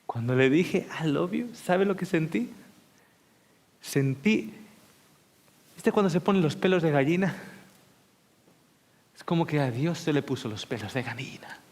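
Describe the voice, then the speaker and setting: A male pastor preaching with a fairly high voice. He tells his story in a heartfelt, personal way, sinking to breathy whispers and then rising to emphatic, louder lines. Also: expressive, measured pace, long pauses. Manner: shifts between hushed whispers and louder emphatic speech. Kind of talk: sermon.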